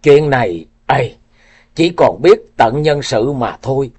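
A man voicing an old male healer who speaks gravely in a trembling voice. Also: medium pitch, lively intonation, measured pace, darkish tone.

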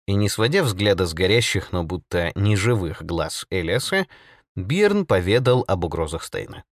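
A man narrating an audiobook with an expressive, dramatic reading. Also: low-pitched, normal speed, no echo, studio quality.

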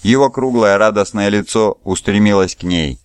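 Low-voiced male audiobook narrator. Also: moderate pace, clear, resonant tone, no room sound, studio quality. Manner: steady storytelling. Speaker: audiobook reader. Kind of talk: scripted narration.

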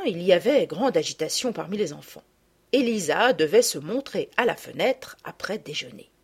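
A woman narrating a classic children's story aloud in an expressive reading style. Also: mid-range voice, breathy edge. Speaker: audiobook narrator.

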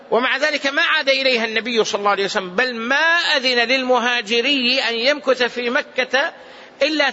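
A man's voice: very high voice, sharp tone, lo-fi sound. A man teaching a mosque lesson on hadith as a sheikh, repeating key phrases for emphasis. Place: large mosque.

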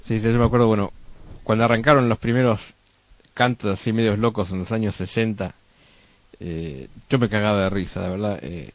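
A man's voice: on the low side, fairly even intonation, a little fast, no echo. An older man with an Argentine accent, a radio host telling rambling football memories with lots of fillers in casual chat.

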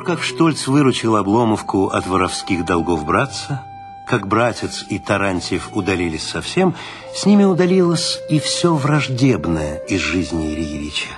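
Calm male literary narrator. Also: lowish voice. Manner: calm, measured reading.

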